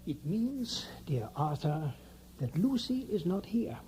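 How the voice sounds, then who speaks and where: An actor playing an elderly, insistent vampire-hunting professor in an audio drama, speaking measured, formal, oddly phrased English. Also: male voice, on the high side, very animated, mellow, slight background noise. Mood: grim, intent.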